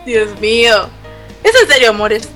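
A woman joining a podcast as a guest, playful and affectionate as she jokes with the hosts. Her voice sits fairly high, with faint music in the background. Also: fairly bright tone. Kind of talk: casual chat.

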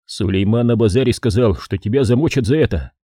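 A man voicing a quick-witted, cool-headed captive who talks hurriedly and flatly in an audiobook. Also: medium pitch, slightly rough, no room sound, clean studio sound, natural voice. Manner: hurried, flat. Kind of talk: audiobook character reading.

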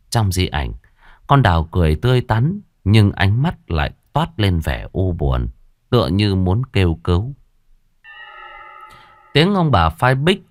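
A man narrating a village ghost story in a dramatic, expressive way. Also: deep voice, no echo, clean studio sound. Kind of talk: scripted horror story narration.

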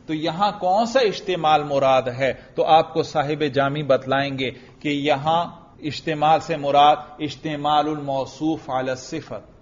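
A man teaching grammar in a classroom lecture. He keeps asking his students questions, answers them himself, and slowly chants example phrases. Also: on the high side. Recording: dull lo-fi recording.

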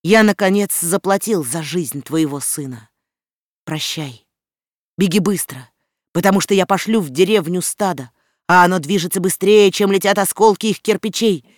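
A defiant wolf-raised boy, as an audiobook reader plays him, commanding and mocking by turns. He speaks raised and loud, a little above the reader's usual pitch. The recording is dry and close. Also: normal speed, no echo, close to an everyday voice. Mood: scornful.

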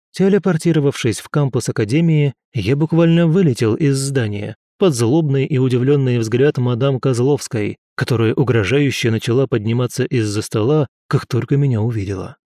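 A man reading a first-person story as an audiobook narrator in a steady, even way. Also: mid-range voice, no echo, studio quality.

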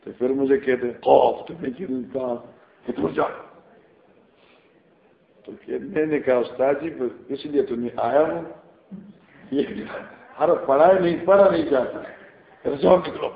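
A man's voice: mid-range voice, gravelly, long pauses. A man with a Pakistani Urdu accent teaching scripture in a classroom lecture, explaining the Arabic text line by line and telling stories as he goes. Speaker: hadith teacher. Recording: roomy, dull lo-fi recording.

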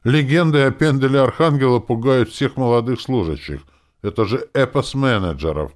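A man's voice: sits low, very animated, moderate pace, darkish tone, full character voice. A man reading an audiobook, voicing a cautious, businesslike young woman who works as a guild clerk. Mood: haggling.

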